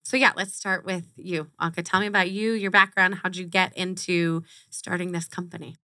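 A woman's voice: fairly low pitch, fairly even intonation, moderate pace, sharp tone, dry recording, studio quality. A woman hosting a podcast interview, enthusiastic and chatty, who laughs often. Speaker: podcast host. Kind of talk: casual interview chat.

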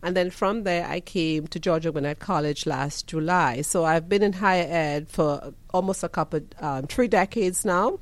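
A woman's voice: lowish voice, moderate pace, hardly any pauses, no echo. A woman in her fifties with a Trinidadian accent, a college president answering radio interview questions in an earnest, reflective way with frequent ums and restarts. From Trinidad and Tobago.

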